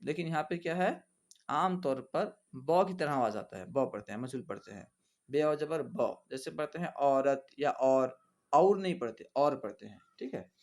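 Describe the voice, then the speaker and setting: A man's voice: medium pitch, lively intonation, moderate pace. A man teaching reading, spelling out letters and vowel marks one by one and repeating each word aloud for his students in a patient, instructive way. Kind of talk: classroom reading lesson.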